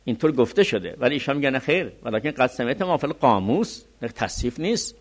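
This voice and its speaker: Male seminary teacher, mid-pitched, animated intonation, alternates slow reading with quick commentary. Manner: reads Arabic text slowly, then explains it quickly. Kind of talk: religious law lecture.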